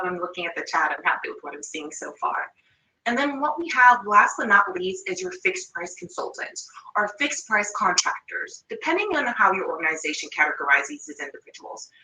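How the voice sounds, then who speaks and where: A Jamaican woman in her thirties, a finance manager presenting an upbeat online workshop on pay, speaks in a bright, forceful, mid-range voice. Her light Jamaican accent has Toronto and New York influence. The low-quality recording is reverberant with a distant mic.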